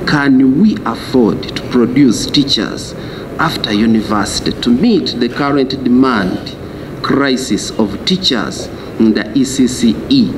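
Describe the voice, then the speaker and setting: A man's voice: mid-range voice, lively intonation. Man addressing a committee. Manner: emphatic, halting with fillers. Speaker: association chairperson petitioning. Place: parliament committee room. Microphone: desk microphone. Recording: noisy committee room recording.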